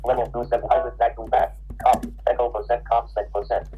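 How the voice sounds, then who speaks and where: A man's voice: mid-range voice, level tone, fast, muffled recording. Man rattling off computer commands. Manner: clipped, repetitive command phrases. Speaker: tech streamer. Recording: music playing in the background.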